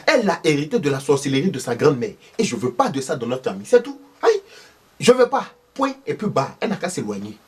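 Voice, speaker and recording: Comedy role: a man playing a husky, fiery older Ivorian mother, high and very lively, from a distant mic. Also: quick pace, exaggerated voice. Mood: indignant. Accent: Ivorian French. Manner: loud, insistent, exclaiming.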